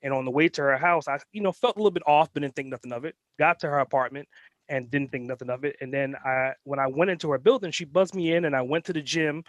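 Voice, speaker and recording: A man with a fairly high voice talks fast on a recording with no echo. Born in Trinidad and Tobago and raised in New York, he's a guest entrepreneur telling his life story in a casual interview, rambling through anecdotes with lots of fillers.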